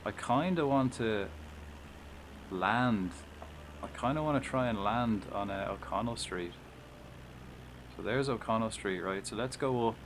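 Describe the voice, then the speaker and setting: A man's voice: on the low side, unhurried, pauses often, a little hiss or hum. A man with an Irish accent giving casual, rambling live commentary while he plays a flight game, swearing and chatting back to viewers.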